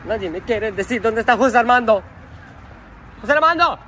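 This man's voice is very high-pitched, animated, fairly quick and fairly bright as he spoofs a telenovela. Playing a frantic mother searching for her lost son, he wails theatrically in broken Spanish on a noisy street where vehicles go by.

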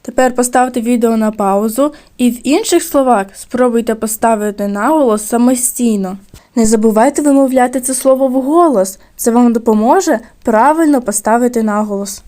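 Woman teacher doing a video lesson for little kids, kinda high voice, slow clear words. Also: warm tone. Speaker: primary school teacher. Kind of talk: recorded video lesson for second graders.

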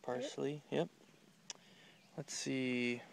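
A man walks a home garden outdoors with a handheld camera, filming his children and asking them the names of plants, encouraging whatever they answer. His medium-pitched, gravelly voice is extremely slow, with a little hiss or hum on the recording. His tone is curious and gently quizzing.

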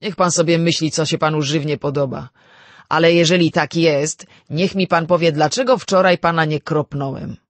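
A man reading an audiobook, voicing a firm, defiant gentleman who talks loud and clipped. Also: a little high, fairly even intonation, moderate pace, dry recording, voice pushed up, natural voice. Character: cool, defiant man holding a revolver.

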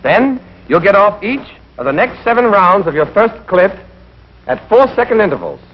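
A very animated American man with a high, slightly rough voice narrates a military training film at a moderate pace, speaking to trainees directly as their instructor in a scripted, instructive style. The recording is the dull, band-limited sound of an old training film.

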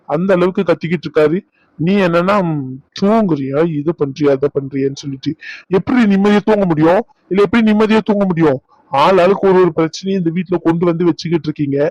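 Man playing a defiant young doctor, high voice, fast and exasperated, dry studio sound. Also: darkish tone, no echo, highs cut off, natural voice. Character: irritated grown son, young doctor. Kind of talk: cartoon dub acting.

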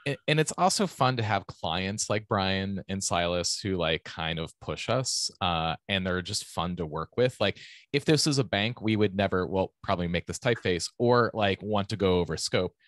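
A low-voiced man walks through design sketches for a talk, loose and easygoing, full of ums and uhs. His voice is recorded dry and close. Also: moderate pace, no echo. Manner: relaxed, explanatory, many fillers. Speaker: type designer presenting. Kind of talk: casual conference presentation.

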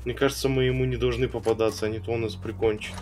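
A man's voice: mid-range voice, flat delivery, racing, a little mellow. A man chatting casually and warily as a partner in a horror game. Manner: uneasy, wary. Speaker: co-op gaming partner. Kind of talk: casual chat while playing a horror game.

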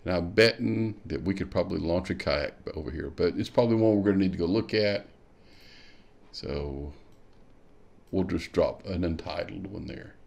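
A kayak fishing show host with a low, gravelly, slightly mellow voice muses at a moderate pace during a screen-share tutorial, thinking aloud with hmms as he clicks.

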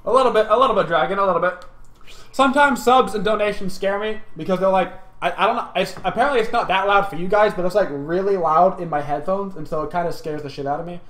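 A young man streaming a game, chatting casually in an excitable, hyped gamer-bro manner. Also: sits high, quick pace. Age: young adult. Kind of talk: live gaming commentary, casual chat. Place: indoor home streaming setup. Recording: roomy echo, faint background noise.

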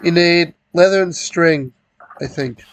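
Higher-voiced young man hosting a game session. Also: measured pace. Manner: rambling, unsure, self-correcting. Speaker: host of a game channel. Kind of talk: casual multiplayer game chat.

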